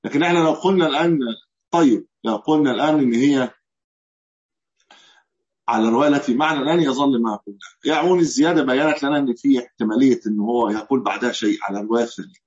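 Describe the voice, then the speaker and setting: A man with an Egyptian accent teaches a religious text at a brisk clip. He reasons aloud, asks himself questions and answers them, and the recording sounds dull and lo-fi. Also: medium pitch, a little mellow. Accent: Egyptian Arabic. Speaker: Islamic scholar teaching hadith. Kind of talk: religious lesson.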